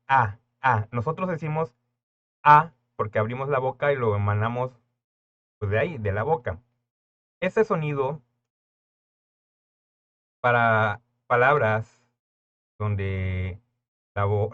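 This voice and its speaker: A man gives an online English pronunciation lesson for Spanish speakers, speaking very slowly and repeating each word so learners can drill it. His voice sits at a mid pitch, and the recording sounds a little dull and lo-fi. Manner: slow, patient, repeats words for drilling. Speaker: English teacher.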